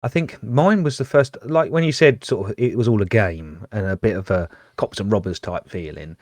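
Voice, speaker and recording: A man, a former police officer co-hosting a podcast, telling a lively anecdote in a casual chat. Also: fairly low pitch, moderate pace, no room sound.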